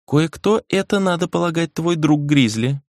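A man's voice: fairly high pitch, moderate pace, a little mellow, no echo, clean studio sound, pitched above the performer's own voice, natural voice. A man voicing an ancient spirit that speaks through a girl, cool, indifferent and musing. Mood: detached.

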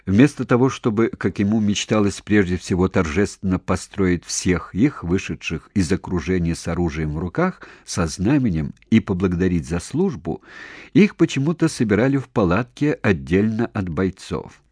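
A male narrator reads a novel in a measured, even way. His voice is very low, and the recording is dry and close, with no room sound. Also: breathy edge, dry recording. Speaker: audiobook narrator. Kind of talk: scripted narration.

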